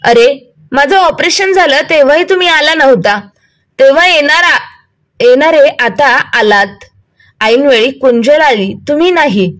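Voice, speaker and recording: An elderly father, bitter and wounded, shouts at the sons who let him down, as a woman storyteller reads him. The voice sits high. It comes from a spoken storybook. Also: lively intonation, measured pace. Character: angry hurt elderly father, retired man.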